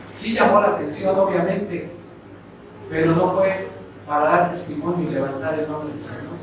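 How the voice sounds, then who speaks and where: A middle-aged Mexican pastor with a high voice preaches to his congregation, calling each listener brother and asking questions he then answers himself. He sounds far from the mic, in a strongly echoing church hall. There is clear noise behind him. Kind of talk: sermon. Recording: echoey church hall heard from a distance with background noise.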